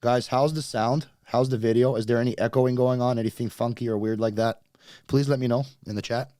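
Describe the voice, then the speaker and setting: Hosting a YouTube livestream, a man in his late thirties talks directly to viewers while troubleshooting tech, his slight accent tracing back to his Russian birth and mother tongue. He speaks fairly quickly in a steady, mellow, medium-pitched voice, with clean studio sound and no echo.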